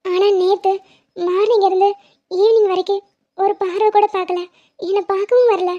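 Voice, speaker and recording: A woman doing a cartoon heroine in love, anxious and clingy, speaking in a very high, soft-toned voice with a mellow, dark timbre. She pleads with emotion, and the audio sounds dull and lo-fi. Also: fairly even intonation, moderate pace. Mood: pleading. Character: young woman, clingy, anxious and devoted lover.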